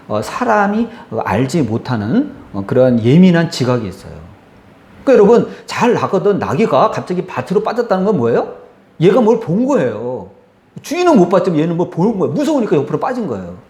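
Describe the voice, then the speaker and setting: A male pastor preaching a sermon, telling the story with animated delivery and acting out the characters' lines. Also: on the high side, roomy sound.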